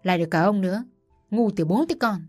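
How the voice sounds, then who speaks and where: A woman voicing a furious old mother-in-law who shouts coarse insults, with soft music behind. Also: mid-range voice, quick pace, lightly acted. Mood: furious scolding.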